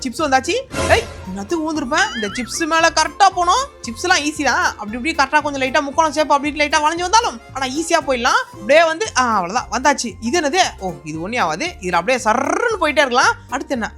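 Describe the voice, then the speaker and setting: A woman's voice: sits high, pushed and bright. A woman hosting a gaming video, giving chatty, teasing voiceover commentary as she plays. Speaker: gaming channel host. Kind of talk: playful game voiceover commentary.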